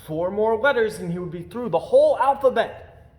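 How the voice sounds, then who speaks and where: Telling a children's picture book as a lively storyteller, this man stresses key words theatrically. He sits high in pitch and moves at a moderate pace.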